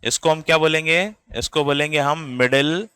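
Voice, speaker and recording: A man teaches biology in a classroom lecture, explaining step by step, checking in with his students, and spelling words out letter by letter. His voice is a little high, bright, and forceful, at a moderate pace, with a clean tone and no room sound.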